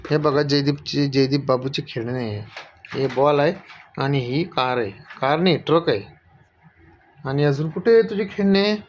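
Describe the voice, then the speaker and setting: A medium-pitched adult voice at a moderate pace, with slight background noise, belongs to a family vlogger recording at home. They address viewers directly in a casual video chat and patiently keep repeating questions to coax a small child.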